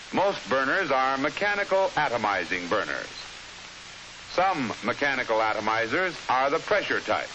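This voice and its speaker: An American man reading a scripted 1950s instructional film narration in a formal, measured, explanatory manner, on an old film soundtrack. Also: medium pitch. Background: steady hiss.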